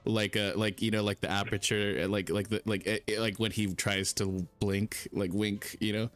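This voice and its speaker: A man improvising and narrating casually in a tabletop role-playing game, in a rambling, halting, slangy way. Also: fairly low pitch, flat delivery, a bit bright. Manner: rambling, halting, slangy, calls people brother. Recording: music playing behind the voice. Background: music.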